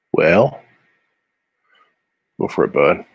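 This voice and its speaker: This man has a deep, husky voice recorded without echo. He's a comic artist with a Midwestern American accent, giving casual live-stream commentary while drawing, muttering between strokes and wandering off into rambling asides.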